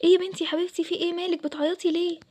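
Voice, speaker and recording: A woman's voice: extremely high pitch, flat delivery, racing, darkish tone. A woman voicing a caring mother who comforts her daughter, with an Egyptian accent. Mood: comforting. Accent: Egyptian Arabic.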